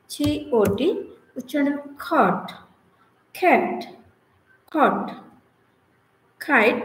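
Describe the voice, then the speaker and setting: Woman teacher with a high voice, drilling words over and over, roomy echo. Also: slight background noise. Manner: repeats words slowly for drilling, writing as she talks. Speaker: English teacher. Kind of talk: spoken language lesson.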